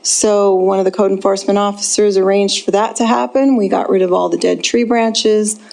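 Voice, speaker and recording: A woman from city staff reporting to a city council work session in a steady plain way, with frequent ums. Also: mid-range voice, moderate pace, creaky. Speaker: city code enforcement staff presenting to council.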